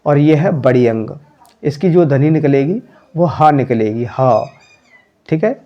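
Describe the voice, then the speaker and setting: A man teaching a beginner class, sounding out each letter slowly and patiently. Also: fairly high pitch, lively intonation, lo-fi sound. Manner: slow, drawn-out sounding of letters.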